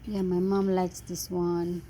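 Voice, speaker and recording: A woman chatting casually in a home kitchen as vlog host, asking many questions in halting English. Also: lowish voice, little pitch movement. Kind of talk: casual cooking chat. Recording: noisy kitchen with sizzling.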